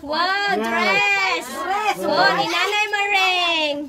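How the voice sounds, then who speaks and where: A woman vlogger, exclaiming constantly and talking to her viewers during an excited family unboxing. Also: very high voice, extremely slow, very noisy. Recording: loud crowd of people around.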